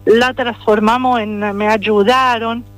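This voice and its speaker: A woman from Rome with an Italian accent speaks Spanish as a non-native speaker, a playwright and poet giving a radio interview while pausing often to search for words. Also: a little high, fairly even intonation. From Italy, Rome. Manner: hesitant, searching for words with many fillers.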